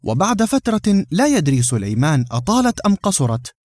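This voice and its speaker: A man narrating a novel as an audiobook, in a measured, expressive reading. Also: on the high side, no room sound, studio quality.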